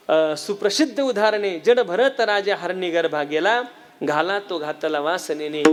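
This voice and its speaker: A man with a Marathi accent preaching a devotional kirtan sermon, telling a story and acting out its dialogue, and putting questions to his listeners. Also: on the high side. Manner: animated storyteller, acts out dialogue, asks the audience questions.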